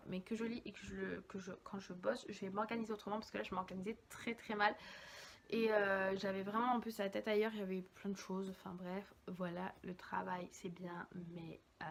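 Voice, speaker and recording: A young woman chatting casually about books, lively and rambling, with many fillers and self-corrections. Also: mid-range voice, a little hiss or hum. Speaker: book vlogger. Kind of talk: casual chat.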